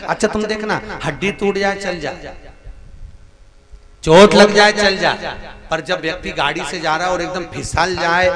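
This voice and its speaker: A middle-aged man delivers a devotional story sermon in a somewhat high voice, calling out questions to his listeners. He moves between hushed asides and loud proclamations. Music plays clearly behind him. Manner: call-and-response with audience, swinging from soft to loud. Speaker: katha preacher. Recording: live katha with music behind.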